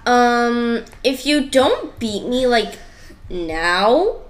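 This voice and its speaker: A woman's voice: fairly high pitch, very animated, very slow. A young woman hosting a casual gaming video, playful and sarcastic, chatting to her viewers as she plays. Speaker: channel host and gamer.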